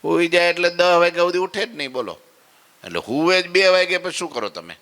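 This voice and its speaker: Swami, chatty sermon, bright pushy voice, long echo from the temple hall. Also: male voice, high-pitched, lively intonation, a little fast. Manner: folksy and conversational, acting out devotees' complaints and asking "samajya?". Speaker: swami giving morning katha. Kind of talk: devotional sermon.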